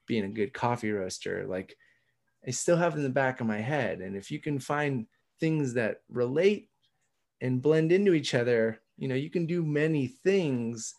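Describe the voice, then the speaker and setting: A man's voice: mid-range voice, expressive, moderate pace, darkish tone. A man speaking as a podcast guest in casual interview chat, emphatic, cursing freely and laughing often. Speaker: podcast guest, entrepreneur and coffee roaster.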